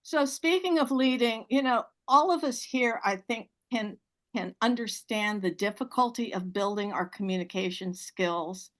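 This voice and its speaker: A woman's voice: a little high, moderate pace, fairly bright tone. A woman hosting an online panel on a video call, chatty and enthusiastic, laughing often. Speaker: host and moderator.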